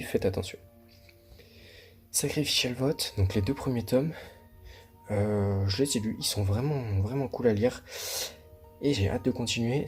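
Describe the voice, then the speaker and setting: A man hosting his own video, chatting casually and showing off his collection, relaxed and full of hesitations and fillers. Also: on the low side. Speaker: manga collection video host.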